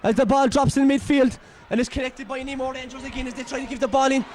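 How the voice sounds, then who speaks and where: Excitable high-voiced Irish commentator. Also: male voice, quick pace, slight background noise. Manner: excitable, shouting, openly partisan. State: nearly losing his voice. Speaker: local match commentator. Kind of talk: partisan live sports commentary.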